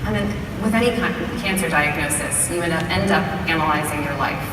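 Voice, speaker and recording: A woman giving a personal motivational speech at a convention, speaking in measured, deliberate phrases, her voice slightly scratchy after a breathing tube. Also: deep voice. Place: large convention hall. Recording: echoey large hall, distant, noisy.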